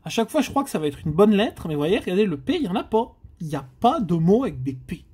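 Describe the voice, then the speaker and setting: A man's voice: sits high, sing-song, quick pace, a little mellow, slightly rough. A man from France giving casual commentary while scratching lottery tickets, exclaiming and groaning at each letter. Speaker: scratch-card vlogger.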